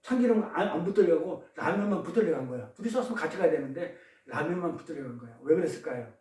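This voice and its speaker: Male pastor, high voice, lively call-and-response sermon, distant mic, roomy echo. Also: racing. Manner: questions the congregation, call-and-response; tells pun riddles. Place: church service. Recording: echoey room, distant mic.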